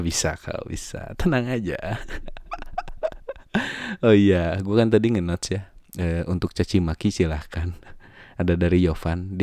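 Young male host, very low mellow voice, dry close sound, jokey banter. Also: dry recording. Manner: joking, laughs often, slangy Jakarta banter. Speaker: host reading listener messages. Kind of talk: casual podcast chat.

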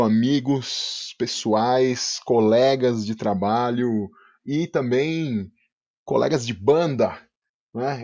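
A man's voice: mid-range voice, darkish tone, muffled recording. A man with a Brazilian Portuguese accent hosting a casual podcast interview in an effusive, slangy, hyperbolic way. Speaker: podcast host.

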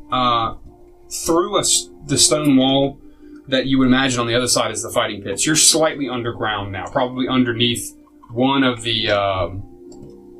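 A man's voice: mid-range voice, pushed and bright, poor audio. A man narrating a tabletop game as game master, casual and rambling, with many fillers and small laughs.

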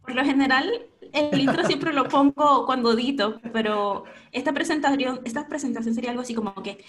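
A young Venezuelan woman speaks with a Venezuelan Spanish accent, her voice sitting fairly high. She talks cheerfully in a relaxed podcast interview and laughs often. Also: brisk, a little hiss or hum. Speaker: podcast host and guest. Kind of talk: casual conversational interview.

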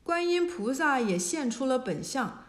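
Brief: woman storyteller, high voice, roomy echo, storybook read. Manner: slow, even storytelling. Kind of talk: storybook narration. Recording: echoey room.

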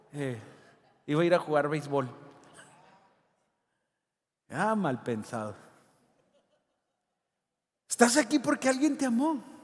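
A man preaching a sermon in a church, passionate and swinging between loud and hushed. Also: high voice. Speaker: pastor. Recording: long hall reverb.

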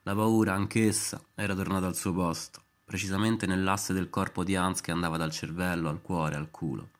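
A man narrating an irreverent storybook serial in a wry, deadpan manner. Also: low voice, normal speed.

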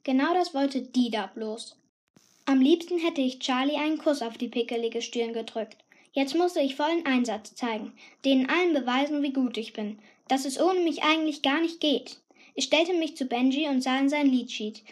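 A woman reading a first-person story aloud with a lively, cheeky teenage tone. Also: sits high. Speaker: audiobook narrator. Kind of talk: scripted first-person narration.

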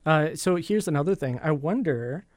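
A man's voice: fairly high pitch, animated, moderate pace, no echo. A middle-aged man co-hosting a podcast in casual chat, joking and teasing. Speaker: podcast co-host.

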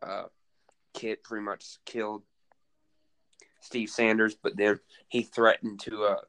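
Low-voiced man chatting over a dry, phone-like line. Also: little pitch movement, slow, fairly bright tone, smooth, dry recording. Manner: rambling, with many fillers. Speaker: co-host recapping a wrestling show. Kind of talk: casual podcast chat.

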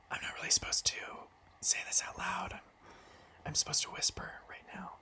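A man's voice: drawn-out words, slight background noise. A man whispering as a timid, awkward horse whisperer in a giggly, whispered role-play comedy sketch over a video call. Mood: shy.

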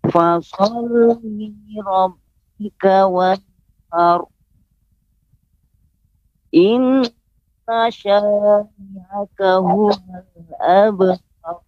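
A man from South Sumatra calling in on a crackly phone line that keeps cutting out, reciting scripture slowly and carefully for a teacher. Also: sits high, fairly even intonation, no echo. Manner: slow, careful, drawn-out recitation. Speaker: caller. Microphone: phone call. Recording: muffled, dry phone-line audio.

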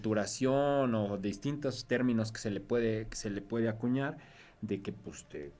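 A man's voice: fairly low pitch, expressive, moderate pace, warm tone. A man from Puebla, hosting a casual panel chat and teasing his guests. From Puebla, Mexico. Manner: playful, teasing, mimics voices for laughs. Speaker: host.

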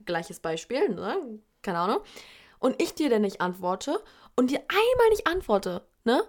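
A young woman with a slightly high voice chats casually. She rambles and defends herself, filling her talk with hesitations. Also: very animated, measured pace. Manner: rambling, defensive, many fillers. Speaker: vlogger. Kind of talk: casual chat.

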